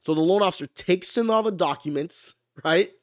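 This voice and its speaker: A man with a fairly high voice talks through his topic in a loose, playful way, tossing in slang and asking his viewers whether they follow. The sound is dry and close, with no room around it. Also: fairly quick, dry recording. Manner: conversational, keeps asking "right?". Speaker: mortgage lender hosting a live stream. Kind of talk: casual explainer talk.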